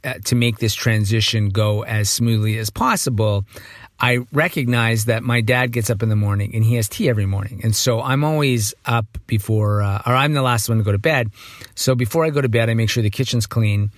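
Casting note: middle-aged male host, chatty and self-correcting, slightly hoarse, dry close sound. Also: mid-range voice, fairly quick, dry recording. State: morning voice, a bit hoarse. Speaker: podcast host. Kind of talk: casual monologue.

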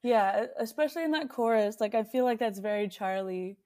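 A young woman from the United States talks casually as a guest in an interview. Her voice sits slightly high. She rambles with lots of fillers and restarts. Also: animated, a little fast, darkish tone. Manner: chatty, many fillers and restarts. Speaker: singer-songwriter guest.

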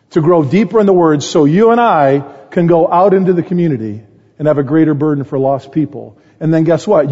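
Husky-voiced pastor in an echoing hall. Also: male voice, on the high side, mellow. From United States. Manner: storytelling with a conversational tone, voice rising when stressed. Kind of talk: sermon. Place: conference hall. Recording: muffled conference recording in a reverberant hall.

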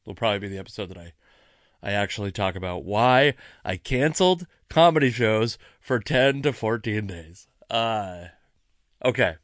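With a somewhat low, expressive voice at a moderate pace, an American comedian rambles through a solo podcast monologue while a little buzzed from a few drinks. He makes fun of himself and curses some, recorded in a clean studio with no echo.

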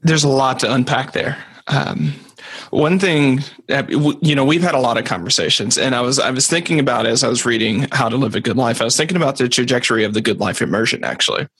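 A man's voice: mid-range voice, fast, a bit bright, slightly rough, no room sound. A man hosting a podcast, asking questions in a casual way and checking in with "right?". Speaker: podcast host. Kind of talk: conversational interview.

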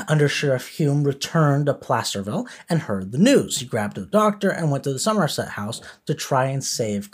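A man narrates a true history tale as a podcast host, his pitch rising and falling freely as he tells it. He speaks at a middling pitch, with a lively storyteller's delivery and the odd "uh" between phrases. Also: slightly rough. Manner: animated storyteller, occasional filler words.

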